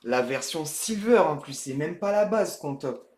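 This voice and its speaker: Slow-talking card breaker. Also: male voice, a little high, animated. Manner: slow, hushed narration that bursts into ecstatic shouting. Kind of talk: live card-opening commentary.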